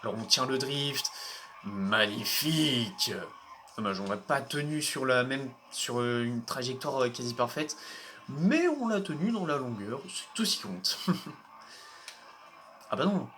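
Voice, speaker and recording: A man's voice: mid-range voice, expressive, moderate pace, fairly bright tone, a little hiss or hum. A man giving casual, hesitant commentary while playing a racing game, often restarting his sentences and chuckling. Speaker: gaming video host.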